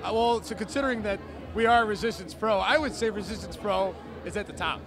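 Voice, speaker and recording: An enthusiastic man with a high voice talks casually in an interview as a wrestling announcer. He is recorded among outdoor urban noise, with a busy crowd behind him. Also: a little fast.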